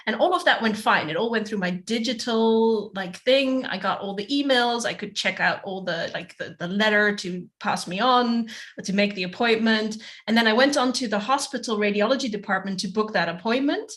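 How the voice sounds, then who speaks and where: A woman chatting casually in a group, telling stories in an animated, giggly way. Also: mid-range voice, normal speed, few pauses.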